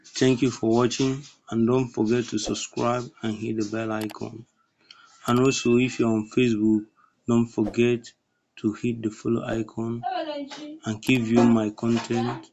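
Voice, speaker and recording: A man presenting a step-by-step screen tutorial in halting, instructional phrases. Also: mid-range voice, little pitch movement, a little mellow, slight background noise. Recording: dull lo-fi recording.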